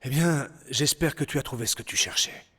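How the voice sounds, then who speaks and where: An earnest, husky-voiced young hero. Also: male voice, medium pitch, fairly quick, bright, forceful tone. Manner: inquisitive, earnest. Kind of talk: French video game dub.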